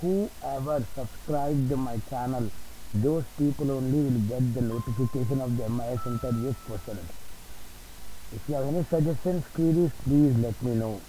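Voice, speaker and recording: A man's voice: mid-range voice, moderate pace, dark tone, soft background music, low-quality recording. A man presenting an unscripted spreadsheet tutorial, dictating keystrokes and entries word by word. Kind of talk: unscripted screen-recorded tutorial.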